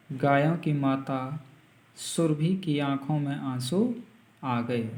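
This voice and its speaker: Slow, patient male teacher, echoey room. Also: a little high, mellow. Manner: slow, repeats words and meanings for students. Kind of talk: Sanskrit lesson, line-by-line translation.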